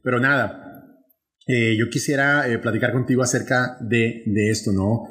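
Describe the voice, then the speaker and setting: This podcast co-host is a young man with a northern Mexican accent whose mid-range, fairly bright voice holds a fairly even intonation. He moves at a moderate pace through casual conversation, wandering and restarting often.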